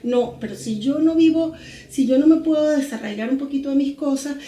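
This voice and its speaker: A Venezuelan woman in her forties, a podcast guest telling her story in a lively, animated way with little sound words. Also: sits high, a little fast, roomy sound. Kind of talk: casual podcast interview.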